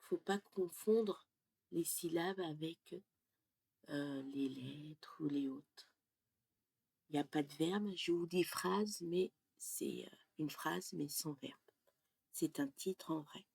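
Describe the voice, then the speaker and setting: Slow, gravelly-voiced woman teaching pronunciation. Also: low voice, darkish tone, dry recording. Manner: slow and deliberate, often drops to a half-whisper while writing. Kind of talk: slow explanatory lesson while writing on a board.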